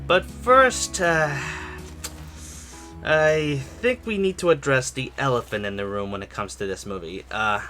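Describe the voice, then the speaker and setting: A Puerto Rican movie reviewer speaks in a mid-range voice at a measured pace, his tone sharp. He narrates a scripted yet casual film review full of profanity, emphatic and opinionated. Music plays behind him.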